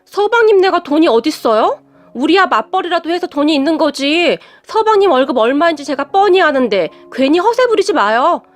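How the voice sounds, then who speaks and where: Woman doing a brazen whiny sister-in-law, high bright pitch, faint music. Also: big pitch swings, fairly quick. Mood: scoffing.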